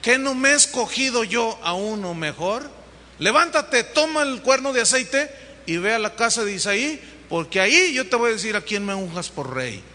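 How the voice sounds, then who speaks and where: A man's voice: extremely high pitch, very animated, normal speed, bright, forceful tone, long reverb tail, heavily acted. A man voicing God as a stern, impatient male deity who gives curt commands.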